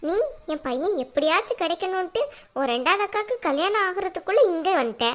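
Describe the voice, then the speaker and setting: A woman voicing a scheming middle-aged mother-in-law in a cartoon, sharp-tongued and prone to dramatic wailing. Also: very high voice, lively intonation, brisk. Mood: scolding. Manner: scolding, then wailing dramatically. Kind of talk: cartoon dubbing.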